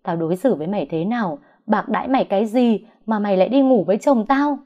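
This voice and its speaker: A woman's voice: on the low side, animated, a little slow, darkish tone. A woman voicing a furious, betrayed young woman who screams accusations and chokes on sobs, in a story reading on dull, lo-fi audio. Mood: screaming, furious. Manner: shrieking accusations, breaking into sobs.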